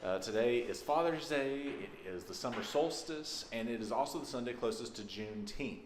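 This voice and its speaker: In an echoey church sanctuary with some background noise, a minister from Texas welcomes the congregation in a relaxed, folksy way. His mid-range voice is expressive, and his pace is moderate.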